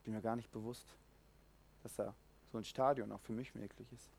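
A man preaching an informal sermon, animated, acting out the voices in the stories and swinging between loud and quiet. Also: on the low side, fairly quick, vocal fry. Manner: lively, animated, acts out quoted voices, swings loud and soft.

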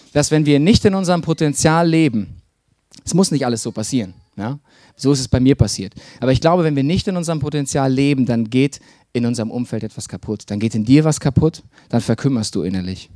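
A man's voice: medium pitch, a little mellow, no room sound, studio quality. A man preaching a sermon in a personal, confessional way, often restarting his sentences and using fillers.

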